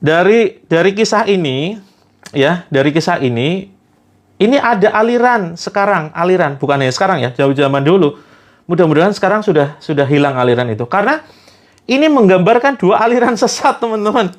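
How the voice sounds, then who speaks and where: A man preaching, telling a story in an animated way with frequent tag questions to listeners. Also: high-pitched, brisk. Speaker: Islamic preacher. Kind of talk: sermon storytelling.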